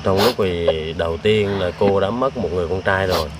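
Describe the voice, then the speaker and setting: A male host, asking gentle, sympathetic interview questions. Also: low-pitched, brisk, noisy background. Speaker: charity show host interviewing.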